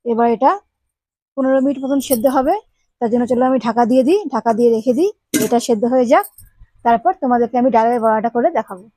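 A woman's voice: on the high side, fast, warm tone, dry recording, low-quality recording. A woman hosting a home cooking channel, chatting to viewers as she explains each step of a recipe. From Bengal. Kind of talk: casual cooking demonstration.

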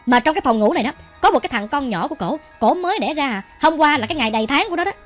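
A storytelling channel host with a Southern Vietnamese accent narrates a ghost story while cooking, chatting and often addressing her listeners directly. Her high, expressive voice races along over faint background music.

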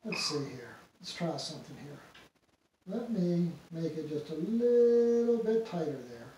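A middle-aged man giving a casual hands-on demonstration, muttering to himself in an unhurried way as he works. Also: high voice, animated, lo-fi sound. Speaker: phonograph demonstrator. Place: small indoor room full of antique phonographs. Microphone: distant camera microphone. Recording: very echoey room, distant mic, faint noise.

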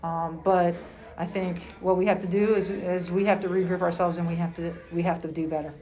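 A woman in her forties, a basketball head coach answering questions at a postgame press conference, speaking in a measured, halting way with many fillers. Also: on the low side, little pitch movement, dark tone. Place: small room indoors at a table.

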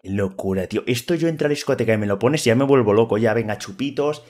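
A young man from Spain with a mid-range voice and a Spanish accent from Spain talks through a reaction video in a loose, excitable way. He jokes playfully and keeps up a running commentary. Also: medium pitch, racing, faint music behind.

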